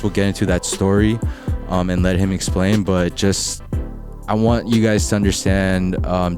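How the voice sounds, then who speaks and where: A young man hosting a podcast, hesitant and filling his questions with "um" and "like". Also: deep voice. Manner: hesitant, lots of "um" and "like". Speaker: podcast host. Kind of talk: casual interview.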